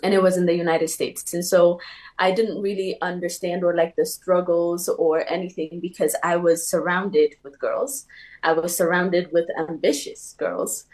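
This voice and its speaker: A young woman from Ethiopia, a panel guest, talking reflectively and with many pauses and fillers. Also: lowish voice, flat delivery, a little mellow, poor audio. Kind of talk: conversational panel talk.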